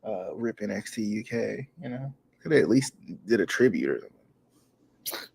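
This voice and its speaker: Gravelly podcast host man. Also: on the low side, sing-song, normal speed, a little mellow. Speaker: podcast host moderating topics. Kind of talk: casual wrestling review chat.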